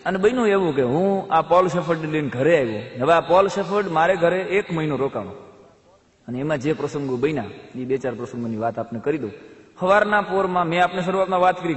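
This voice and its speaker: A man telling a comic folk story on stage, acting out the characters' voices. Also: fairly high pitch. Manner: animated, acts out characters' voices. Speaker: comedian storyteller. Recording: echoey hall, long reverb.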